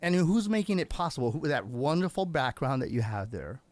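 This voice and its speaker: A man's voice: on the high side, sing-song, a little fast, no room sound. Chatty man hosting a livestream. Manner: chatty, upbeat, repeats words and restarts often. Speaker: livestream show host. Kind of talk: casual livestream interview.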